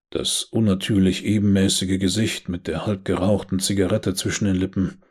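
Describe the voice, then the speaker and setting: A man narrating a dark audiobook in a measured, deliberate reading voice. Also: sits low, slightly rough.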